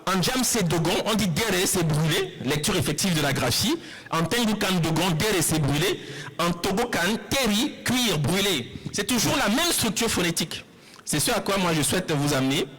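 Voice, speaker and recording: A man giving a public lecture, explaining step by step, repeating words slowly and putting questions to the audience. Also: sits high, animated, fairly bright tone, breathy edge, rough recording. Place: lecture hall.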